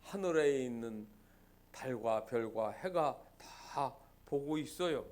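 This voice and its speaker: A man's voice: medium pitch, lively intonation, slow, a little mellow, pitched below the performer's own voice. A pastor voicing an earnest young boy who calls out urgently to his father in a sermon story.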